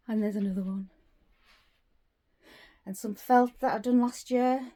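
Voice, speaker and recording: A woman's voice: fairly high pitch, fairly even intonation, a little slow, mellow. A woman giving a casual tour of her craft room, rambling as she lists her supplies, a little out of breath. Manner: chatty, rambling, listing items as she goes. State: slightly out of breath. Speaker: crafting vlogger. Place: small craft room indoors.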